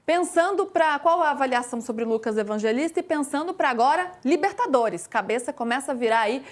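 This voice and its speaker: High-voiced Brazilian sports show host. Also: female voice, fairly quick. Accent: Brazilian Portuguese. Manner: lively, brings in panelists. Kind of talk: studio sports debate.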